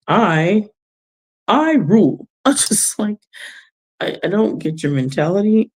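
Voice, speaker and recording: A woman chatting casually on a livestream while doing a craft, giving gentle, reflective advice and chuckling often. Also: deep voice, vocal fry. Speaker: vlogger giving life advice.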